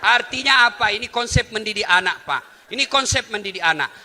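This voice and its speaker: A middle-aged man from Indonesia delivering a lively sermon, swinging between loud exclamations and soft asides. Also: sits high, a little fast, a little hiss or hum. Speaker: preacher. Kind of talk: lively sermon to a live audience.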